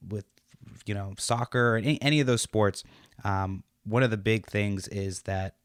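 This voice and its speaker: A man hosting a podcast, asking long, halting questions full of fillers. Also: lowish voice, clear, resonant tone, dry recording, studio quality. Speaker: podcast host. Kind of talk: casual podcast interview.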